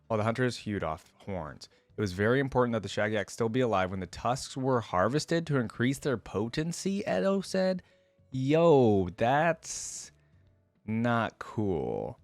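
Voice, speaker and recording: With a mid-range voice and no room sound, a man hosts a game lore reaction video, reading the story aloud and commenting in a laid-back, slangy manner with informal asides.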